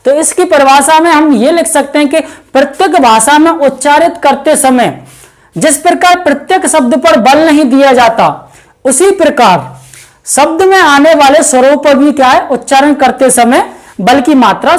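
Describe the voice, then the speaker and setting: A woman's voice: high-pitched, normal speed. A woman teaching a grammar lesson for exam preparation, explaining step by step with many repeated fillers and calling her viewers friends.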